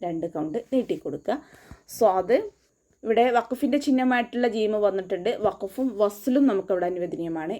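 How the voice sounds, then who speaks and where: A woman in the role of a recitation teacher gives a slow, methodical tajweed lesson. Her voice is soft and mellow, not bright, and she sits at an ordinary middle pitch. She explains each letter patiently and tells the student exactly how to shape the mouth.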